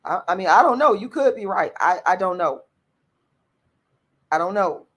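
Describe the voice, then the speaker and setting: Expressive and fairly bright, her raspy mid-range voice moves at normal speed as she hosts a livestream. She reads viewer comments and fires back bluntly and profanely, outspoken and frequently repeating herself.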